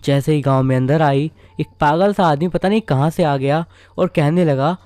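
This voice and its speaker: A man's voice: on the high side, moderate pace, warm tone, no room sound, lightly acted. A man voicing a young woman newly returned home from years abroad, affectionate, chatty and easily puzzled.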